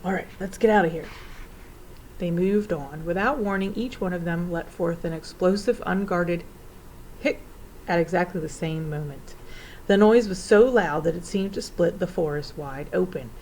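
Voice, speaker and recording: A woman narrating a children's storybook in an expressive, theatrical way. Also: on the low side, moderate pace, a little hiss or hum, rough recording. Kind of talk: storybook reading.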